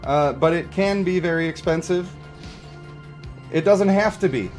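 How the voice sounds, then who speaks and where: His voice is a little high with a darkish tone, and he takes his time. Hosting a game livestream over music, he reads and answers viewer comments conversationally, explaining his perspective and checking if viewers agree.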